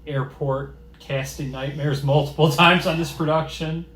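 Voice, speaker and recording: A young man with a Michigan accent hosting a casual podcast chat, relaxed and full of fillers. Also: fairly high pitch, reverberant, a little hiss or hum. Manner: relaxed, filler-heavy, quick bursts. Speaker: podcast host. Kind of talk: casual conversation. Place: room in a Seattle lodging.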